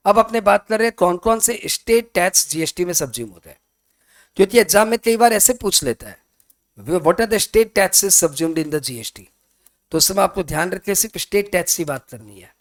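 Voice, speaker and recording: A man teaching tax in a chatty classroom lecture, asking his students questions and answering their imagined ones. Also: fairly high pitch. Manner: chatty, mixes Hindi and English, asks students questions.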